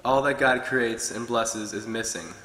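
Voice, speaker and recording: A man's voice: mid-range voice, measured pace, pushed and bright, slight background noise. Earnest young man preaching in echoey hall. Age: young adult. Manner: earnest, reading from notes at a pulpit. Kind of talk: sermon. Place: church hall with wood-paneled walls. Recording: echoey hall with long reverb.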